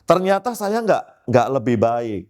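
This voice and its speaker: A man, a pastor, telling his life testimony in a lively storytelling way, often turning to address his listeners directly. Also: mid-range voice, unhurried.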